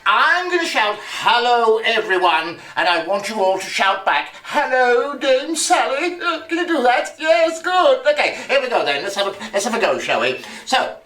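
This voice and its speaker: A chatty pantomime dame, played by a man, giggles and fusses while coaxing the audience to call back. The voice bounces all over its range and has a bright, forceful edge. It sounds distant, in a roomy hall. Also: very high voice, very animated, normal speed, few pauses, full character voice. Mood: chirpy. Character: bubbly pantomime dame, a man in a woman's role. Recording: roomy hall, mic far off.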